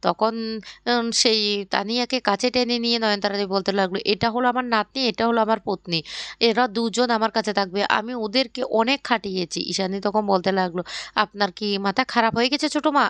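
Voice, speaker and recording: A woman retelling a TV serial plot in a casual storytelling voice, acting out each character's lines with many pauses and fillers. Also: mid-range voice, smooth, no room sound.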